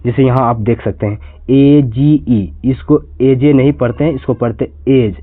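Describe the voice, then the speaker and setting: A man's voice: medium pitch, normal speed. A man giving a spoken lesson, spelling words out letter by letter and then repeating and explaining each one. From India. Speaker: teacher. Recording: tinny phone-quality audio.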